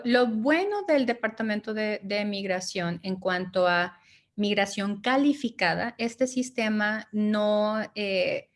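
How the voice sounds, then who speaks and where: A woman advising on migration in an interview, answering methodically and checking in with short tag questions. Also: medium pitch. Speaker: migration and study-abroad advisor.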